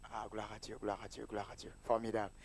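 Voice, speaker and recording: A man's voice: fairly low pitch, flat delivery, fairly quick, gravelly, husky. A man preaching as pastor at a church service, casual and teasing, mixing sermon with banter with the congregation.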